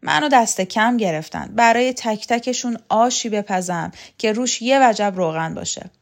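Brief: bossy, furious woman figure, raised pitch, loud and cutting, storybook reading, voiced by a woman narrator. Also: natural voice. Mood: scornful, furious. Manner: loud, sharp, taunting. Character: domineering, scornful, threatening middle-aged woman. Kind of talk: audiobook character voice.

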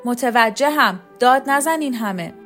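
Woman reading a soft, questioning young woman, storybook. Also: on the high side, expressive, soft background music, pitched above the performer's own voice. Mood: doubtful.

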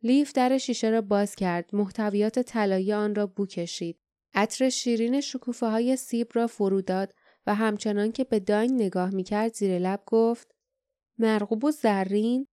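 A woman narrating a fantasy audiobook in a steady, even storytelling manner. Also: mid-range voice, clean tone, no echo, clean studio sound.

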